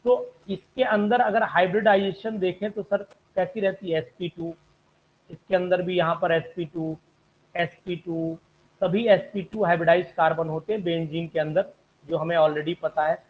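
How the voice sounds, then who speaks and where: A man's voice: high-pitched, fairly even intonation, moderate pace, phone-quality sound. A man teaching an online chemistry class, politely asking students questions and calling them sir.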